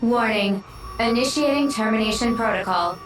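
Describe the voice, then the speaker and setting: A woman voicing a hostile female combat robot, speaking in flat mechanical announcements through a robotic filter. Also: on the high side, moderate pace. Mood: cold. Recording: echoey, distant, loud game music.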